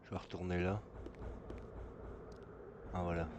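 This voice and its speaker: Low, flat-toned man commenting on gameplay. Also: a little slow, noisy background. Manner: hesitant, thinking aloud. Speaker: let's play gamer. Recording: loud game music underneath. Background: loud game music.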